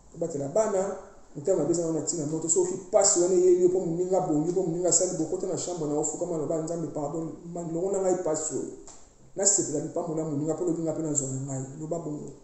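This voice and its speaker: Speaking to her online followers as a priestess, a woman delivers an emphatic, preachy spiritual appeal, moving freely between languages. Her voice is deep and mellow, and it echoes heavily around the room.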